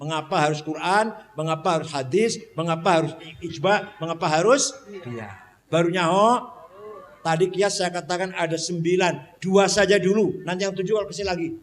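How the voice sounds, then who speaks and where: A man preaching a sermon at a large mosque, animated, asking the congregation questions and then answering them himself. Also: sits high, normal speed, big-room sound.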